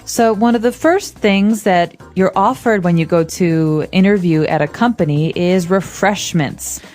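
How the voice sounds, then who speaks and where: A woman's voice: on the low side, a little slow, a little mellow, faint music behind. A woman co-hosting an English lesson podcast, explaining words with many everyday examples. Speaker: co-host.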